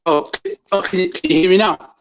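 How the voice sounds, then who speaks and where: A man's voice: high-pitched, steady tone, a little fast, dull audio. A man from the United Kingdom, stammering and repeating words as he joins an online panel over a choppy conference call from his cell phone. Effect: choppy conference-call audio from a cell phone. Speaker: guest caller on an online panel. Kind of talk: casual chat.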